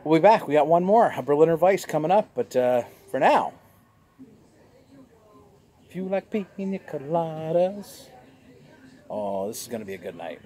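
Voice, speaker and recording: A man with a fairly high-pitched voice reviews a beer for his vlog, speaking at a moderate pace with long pauses. Jovial and chatty, he gestures animatedly on a sunny outdoor patio, and the fixed camera across the table picks up a little hiss or hum.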